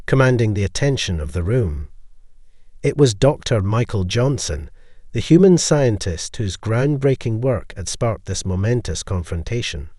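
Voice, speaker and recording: A man narrates a sci-fi story in a scripted, dramatic style. His voice is mellow and moves a lot in pitch. The recording is dry and close. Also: dry recording.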